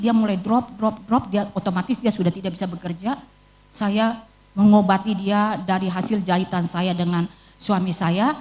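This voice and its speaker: A woman's voice: medium pitch, darkish tone. A middle-aged woman evangelist with an Indonesian accent, preaching a sermon and telling her own story with feeling. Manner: storytelling, emotional, quotes her own prayers. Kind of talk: sermon with personal testimony.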